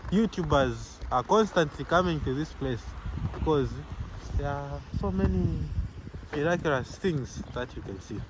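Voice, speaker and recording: A young man, a medical student answering street-interview questions outdoors in a relaxed, easygoing way. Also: a little high, a little slow, noisy background. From Zambia. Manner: easygoing, chuckles between answers, repeats "yeah".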